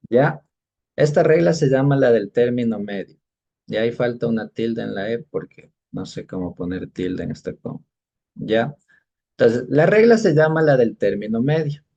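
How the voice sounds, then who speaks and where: A man's voice: medium pitch, expressive, moderate pace, gravelly, warm tone. Patient man teaching a class, muffled. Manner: patient explaining, keeps checking in with short questions. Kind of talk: exam-prep lesson.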